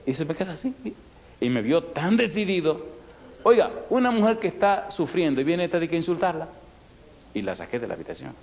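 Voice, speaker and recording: A man preaching to a congregation in a storytelling sermon, his voice ringing through a hall with a long echo and a faint hiss of noise underneath. He is animated, acts out every character in his tale, and sinks to a near whisper for his closing appeal. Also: medium pitch, gravelly.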